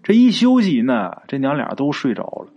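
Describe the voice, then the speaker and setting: A man's voice: mid-range voice, wildly swooping pitch, normal speed, mellow, slightly rough, lo-fi sound. A man narrating a ghost story in a chatty, folksy way, drawing out particles and speaking straight to his listeners.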